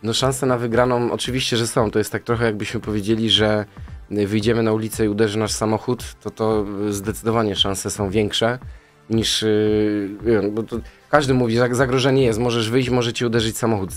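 A man's voice: lowish voice, level tone, fairly quick, soft background music. A man as a guest in a radio studio, explaining finances at length in a rambling way, often ending with a question tag. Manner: rambling, tags statements with "nie?". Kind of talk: radio interview answers. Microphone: studio boom mic.

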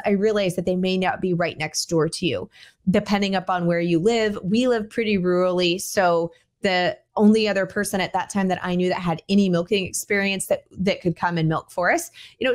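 A woman in her forties hosting a podcast from a small home room, talking in a casual, chatty way through a headset. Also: mid-range voice. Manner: chatty, conversational, gestures while talking. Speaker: podcast host. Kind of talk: casual solo podcast talk. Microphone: over-ear headset.

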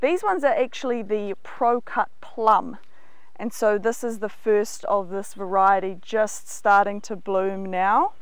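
Touring her market garden outdoors in a large vegetable plot, a woman in her thirties from New Zealand enthusiastically explains things while walking and pointing at crops. She speaks in a smooth, unhurried mid-range voice, recorded dry.

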